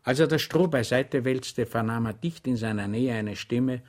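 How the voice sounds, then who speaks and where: A man narrating a comic novel as an audiobook reader, in a low, even storytelling manner. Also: moderate pace.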